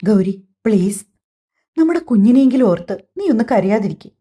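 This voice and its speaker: A woman voicing a remorseful, tender young husband in a family audiobook, speaking softly and apologetically. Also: mid-range voice, normal speed, natural voice. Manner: soft, apologetic. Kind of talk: audiobook dialogue.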